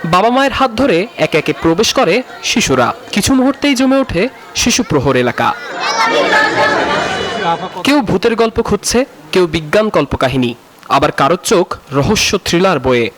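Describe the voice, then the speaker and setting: Bangladeshi male TV reporter, high register, animated scripted narration, some crowd bustle underneath. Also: moderate pace, pauses often, a little hiss or hum. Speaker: TV news reporter. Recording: crowd chatter behind narration.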